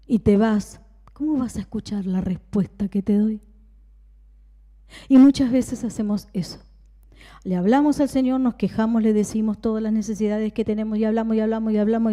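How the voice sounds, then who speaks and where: A woman's voice: a little high, dark tone. Woman pastor preaching in a reverberant hall. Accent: Rioplatense Spanish. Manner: preaching with emphatic repetition, dropping to a whisper at times. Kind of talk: sermon. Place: church.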